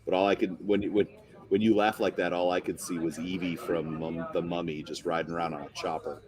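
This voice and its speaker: A man's voice: low-pitched, little pitch movement, fairly quick, a crowd in the background. A man co-hosting a casual chat about tabletop wargaming, telling stories and joking around. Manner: joking, storytelling, playful. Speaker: co-host.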